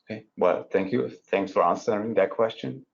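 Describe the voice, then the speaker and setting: A man's voice: lowish voice, normal speed, creaky, breathy edge. A man moderating an online technical panel, politely thanking the presenters and steering the agenda. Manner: polite, wraps things up with thanks. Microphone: video call. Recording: slightly muffled call audio.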